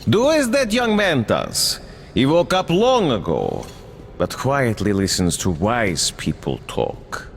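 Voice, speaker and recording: An actor playing a smug, mocking cannibal leader who talks like a polite official, in a video game. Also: male voice, medium pitch, wildly swooping pitch, slow pace, big-room sound, slight background noise, full character voice. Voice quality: mocking, smooth and theatrical.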